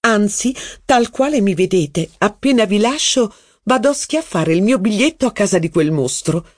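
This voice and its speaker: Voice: medium pitch, expressive, moderate pace, no room sound, studio quality, voice pushed up, close to an everyday voice. An audiobook reader voicing a haughty, witty aristocratic duchess, with mocking, theatrical, exclamatory speech. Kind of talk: audiobook reading.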